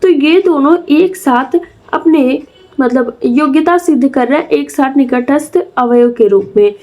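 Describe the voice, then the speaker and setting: A young woman with a high voice teaches a grammar lecture. She reads a textbook line aloud and then restates it simply, often pausing on a filler as she searches for words. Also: darkish tone. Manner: reads textbook lines then explains them plainly, with frequent "uh" fillers. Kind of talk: classroom lecture explaining from notes.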